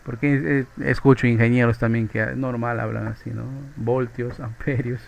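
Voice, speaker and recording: A man's voice: mid-range voice, level tone, moderate pace, vocal fry, rough recording. A man with a Peruvian accent teaching a physics class in a loose, chatty way, often ending phrases with a questioning tag. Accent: Peruvian Spanish. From Peru. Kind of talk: informal classroom lecture.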